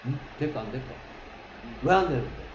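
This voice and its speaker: A man's voice: medium pitch, lively intonation. Man teaching English in an echoey classroom. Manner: questioning, drills students with rhetorical questions; reads English examples slowly, word by word. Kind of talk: classroom grammar lesson. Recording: echoey classroom with faint noise.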